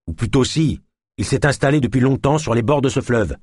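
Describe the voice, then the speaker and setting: A man's voice: mid-range voice, a little fast, a little mellow, slightly rough, dry recording, studio quality, voice pushed up, close to an everyday voice. A man voicing a stubborn young woman who growls her lines curtly in an audiobook. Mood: gruff. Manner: growling, curt. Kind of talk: audiobook character voice.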